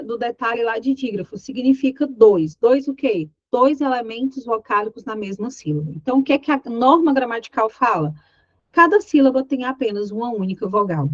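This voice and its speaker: In dull audio with no room sound, a woman speaks at normal speed in a slightly high voice with lively intonation. Her Brazilian Portuguese accent comes through as she walks students through exam-prep grammar step by step, frequently checking in and acting out imagined student questions.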